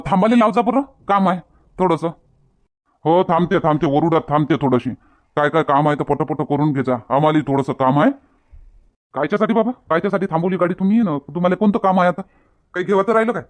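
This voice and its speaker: A man acting in a village comedy skit, talking in a bossy, grumbling way. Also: sits high. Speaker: comedy sketch actor.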